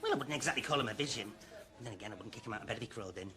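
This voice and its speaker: A man's voice: medium pitch, very fast, music in the background, natural voice. An actor playing a camp, cheeky male salon owner with an arch, gossipy way of talking. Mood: dazed. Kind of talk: sitcom acting.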